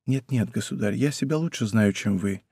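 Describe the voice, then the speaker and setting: A man voicing a fragile, despairing young woman in an audiobook, speaking softly and pleadingly, close on a studio mic. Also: on the low side, lively intonation, normal speed, breathy edge, no room sound, pitched below the performer's own voice. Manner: soft, hushed, pleading. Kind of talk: audiobook character voice.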